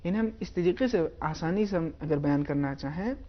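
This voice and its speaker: A man teaching Quran recitation rules, explaining in a measured way and slowing down to demonstrate pronunciation. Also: a little high, highs cut off.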